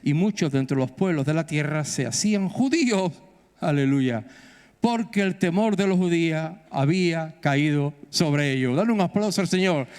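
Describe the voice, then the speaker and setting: A middle-aged male pastor with a Peninsular Spanish accent exhorts his congregation, his fairly high voice surging into excited bursts. His sermon rings through a church hall with a long echo. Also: normal speed, clear, resonant tone.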